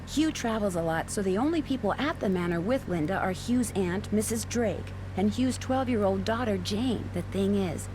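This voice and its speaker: Game audio with clear noise behind it carries Nancy Drew, a plucky young woman detective, voiced by an actress. She speaks earnestly and briskly at an ordinary middle pitch. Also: lightly acted. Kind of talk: video game voice acting.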